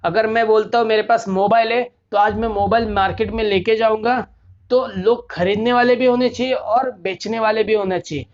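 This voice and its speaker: A man's voice: high-pitched, steady tone, moderate pace. Male commerce lecturer, rhetorical questions, repeats key terms, muffled lo-fi audio. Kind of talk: classroom lecture. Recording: dull lo-fi recording.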